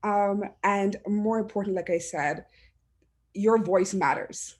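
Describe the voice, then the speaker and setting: A woman's voice: mid-range voice, takes it slowly. Earnest woman on a video call. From Barbados. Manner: earnest, heartfelt, with frequent restarts. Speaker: panelist, education administrator. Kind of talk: reflective personal talk on a panel.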